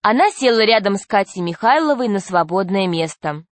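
A woman narrating a children's storybook in a steady storytelling manner. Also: medium pitch, normal speed, dry recording. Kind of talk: audiobook narration.

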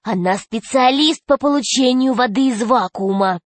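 A woman's voice: a little high, moderate pace, no echo, voice pushed up, lightly acted. A woman doing a sly thin male liar. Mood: ingratiating. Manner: ingratiating, explaining politely.

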